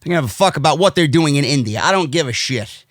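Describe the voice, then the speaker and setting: This American man, with a New York accent, has a fairly high and animated voice and talks quickly. As an opinionated wrestling commentary host, he delivers a brash, profane, indignant rant, hammering his points home with emphasis. The recording is dry and studio-clean.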